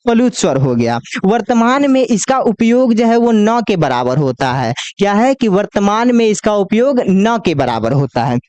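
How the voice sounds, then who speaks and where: A man teaching Hindi grammar in a coaching class, who asks the class questions, answers them himself and draws the letters out slowly as he lists them. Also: high-pitched, sing-song, a little mellow, no echo. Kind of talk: classroom lecture.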